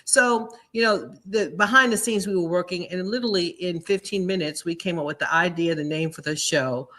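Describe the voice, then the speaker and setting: A woman host talking up business lessons in a lively, motivational way, tagging her points with "right?". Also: fairly low pitch, brisk. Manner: upbeat, tags lines with "right?". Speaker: show host and business speaker.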